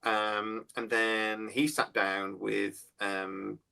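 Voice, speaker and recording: A man's voice: fairly low pitch, level tone, drawn-out words, gravelly, pushed and bright, smooth. A man in his forties, chatting bluntly and scornfully as a podcast co-host, often restarting his sentences. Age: 40s. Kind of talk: casual opinionated chat.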